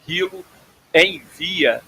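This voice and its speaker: Bright gravelly man teaching. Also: on the high side, extremely slow, poor audio. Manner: explains patiently, checks in with "tá?" and "ok?". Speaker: flight phraseology instructor. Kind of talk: online class lecture.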